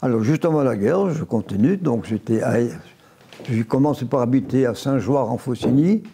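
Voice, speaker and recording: His voice is dark and gravelly, pitched at medium, with a faint hiss or hum in the recording. The man, in his nineties, is a veteran from France who grew up near Évian after early years in Italy. Recounting memories for an oral history, he speaks unhurriedly and keeps restarting and correcting himself.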